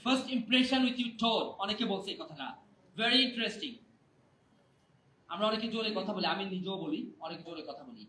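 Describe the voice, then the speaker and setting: A man's voice: high voice, expressive, normal speed, pushed and bright, slight background noise. A man leading a live public speaking workshop, energetically quizzing the audience for replies. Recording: echoey hall, mic at a distance.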